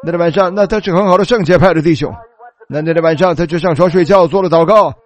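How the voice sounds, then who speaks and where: A man's voice: a little high, fast talker. A man preaching a sermon, telling the story animatedly and calling out hallelujah.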